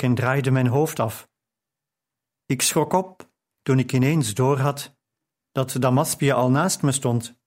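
A man narrating an audiobook in a calm, unhurried reading style. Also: mid-range voice. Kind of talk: scripted narration.

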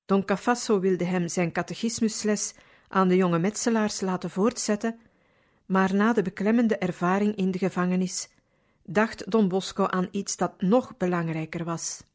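A woman reading a religious story aloud in calm, measured scripted narration. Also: medium pitch. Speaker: audiobook reader.

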